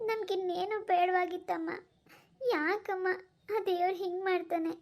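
Cartoon role: very high, tearful young mom, pleading and sobbing, voiced by a woman. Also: fairly even intonation, moderate pace. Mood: distraught. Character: young mother, grief-stricken over her missing baby. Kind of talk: cartoon voice acting.

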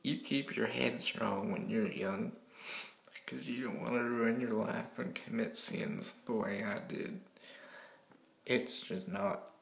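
A man slowly telling a dark confession as a first-person story, in a halting, somber way. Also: medium pitch, fairly even intonation, creaky. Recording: roomy echo with faint background noise.

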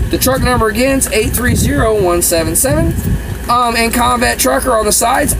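A man's voice: very high-pitched, background noise. A man in his forties, a truck driver vlogging casually from inside his truck cab at night, rambling and repeating himself with eager energy. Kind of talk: casual vlog chat to camera. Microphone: phone or camera held close.

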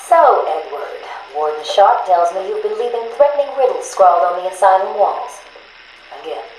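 An asylum psychiatrist on cassette tape. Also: female voice, mid-range voice, lively intonation, darkish tone. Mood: measured. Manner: measured, clinical, formal. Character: composed adult female asylum psychiatrist. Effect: played back from a cassette interview tape. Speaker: psychiatrist conducting patient interviews. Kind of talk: video game voice acting. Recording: roomy, faintly hissy tape recording.

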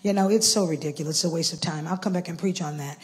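A woman pastor preaching a sermon to a congregation, moving between shouted exhortation and low, conversational asides. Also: fast. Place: church sanctuary with congregation.

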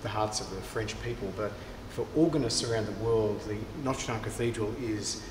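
A man, a cathedral's director of music, answering interview questions thoughtfully with many pauses and restarts. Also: on the low side. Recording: echoey cathedral with long reverb and clear background noise.

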